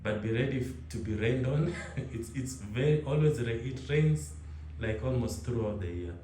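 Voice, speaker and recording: Being interviewed in a casual conversation, a young Kenyan man with a Kenyan accent talks at a normal speed in a medium-pitched voice. The room is echoey with a bit of hiss or hum, and he sounds easygoing, rambling, laughing and frequently restarting.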